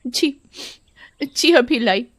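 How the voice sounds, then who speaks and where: A woman's voice: a little high, expressive, extremely slow, no room sound, studio quality, voice pushed up, exaggerated voice. A woman voicing a meek, mistreated young bride who speaks timidly. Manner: timid, pleading.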